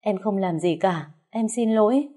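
A woman's voice: mid-range voice, moderate pace, dark tone, close to an everyday voice. A woman voicing a scheming young woman coworker who pleads and wails as if innocent, in an audiobook reading. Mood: whiny pleading. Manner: pleading, wailing.

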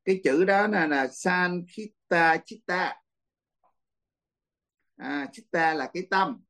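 Blunt high-voiced monk teaching dharma. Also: male voice, slow, sharp tone, low-quality recording. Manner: blunt, teasing, laughs often. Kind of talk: Buddhist dharma class.

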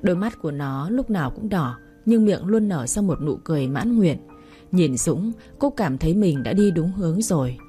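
A woman narrating a story in a calm, even storytelling manner. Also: lowish voice, normal speed. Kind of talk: storybook reading. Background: faint music.

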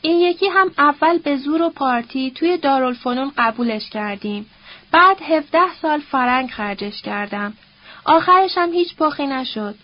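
A woman's voice: sits high, lively intonation, lo-fi sound. A woman voicing a bitter, scornful old nobleman who curses and quotes proverbs in a sneering, coarse, grumbling way.

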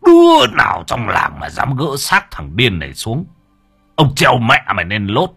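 A man's voice: low voice, gravelly, sharp tone, husky, heavily acted. A man voicing a cruel old male village elder who barks threats and curses.

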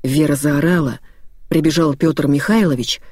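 Audiobook narrator, dramatic story reading, steady telling, mid-pitched voice, dry close sound. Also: normal speed, slightly rough, dry recording.

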